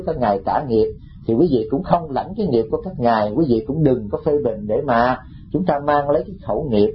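A man's voice: mid-range voice, muffled recording, slight background noise. A male Buddhist monk giving a dharma talk, telling stories and addressing the listeners directly. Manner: storytelling, addresses the audience directly.

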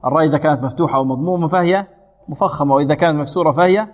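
A man teaching Quran recitation rules. He asks his students questions and answers them himself, and he recites verses slowly as examples. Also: on the high side. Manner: has students repeat sounds after him. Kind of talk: tajweed lesson with slow recited examples. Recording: phone-like audio with long hall reverb.

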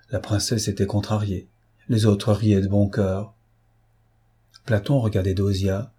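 A man reading a classic novel aloud in steady, measured audiobook narration. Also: on the low side, husky. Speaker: audiobook reader. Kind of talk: scripted narration.

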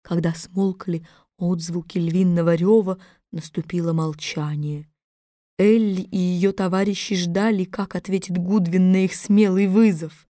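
A woman narrating a children's fairy-tale book in a measured, expressive reading voice. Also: on the low side, no room sound, studio quality. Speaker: audiobook narrator. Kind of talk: scripted storybook narration.

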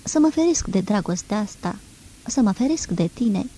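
A woman reading an audiobook, voicing a tender, fearful young woman in love with a soft, pleading manner. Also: medium pitch, expressive, husky, rough recording.

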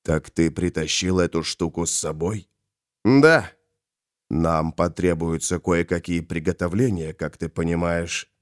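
A man voicing a sinister male heretic, speaking low and hushed with calm gloating menace. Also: measured pace, no room sound, studio quality. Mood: musing. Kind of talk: audiobook character voice.

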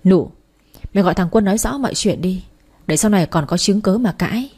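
A woman's voice: mid-range voice, a little fast, dark tone, husky, lightly acted. Woman doing a scornful bossy elder sister-in-law. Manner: mocking, bossy.

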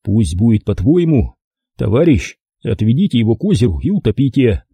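Man voicing a sarcastic tough detective, low, slow, menacing, dark husky voice, audiobook. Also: sing-song, no room sound. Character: gruff tough male ex-investigator detective, mocking.

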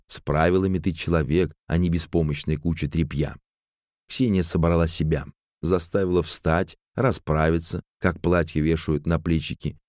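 A man's voice: sits low, darkish tone, no echo. A man narrating an audiobook on a close studio mic.

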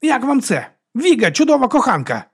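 Guy doing a drunk giddy monk, loud and high. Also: wildly swooping pitch, fairly quick, husky, exaggerated voice. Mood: drunk elated. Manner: loud exclamations. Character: drunk exuberant young male monk.

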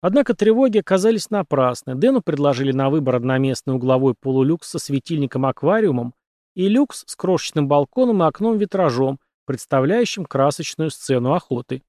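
A man narrating an audiobook with lively, expressive delivery. His voice sits a little high for a man and moves a great deal in pitch. The sound is close and completely dry. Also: a little fast, dry recording. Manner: expressive, dramatic reading. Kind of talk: audiobook reading.

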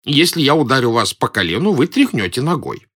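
A man's voice: mid-range voice, sing-song, a little fast, a bit bright, pitched above the performer's own voice. A man playing a timid, pedantic elderly male professor in an audiobook, whining and indignant. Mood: fussy, whiny. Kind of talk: audiobook character voice.

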